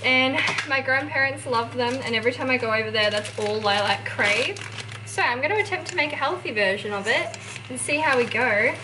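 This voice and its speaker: A young fitness vlogger with a New Zealand accent chats casually to her camera in her home kitchen, upbeat, rambling and saying "like" a lot. Her voice is fairly high and expressive, she talks fairly quickly, and the background is noisy.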